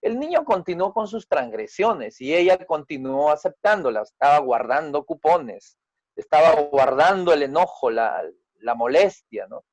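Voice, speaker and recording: A man's voice: sing-song, moderate pace, a little mellow, no echo, highs cut off. Man teaching a family therapy lesson. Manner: explanatory, often checks with "¿no?"; acts out quoted dialogue with raised pitch and volume. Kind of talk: online group lesson.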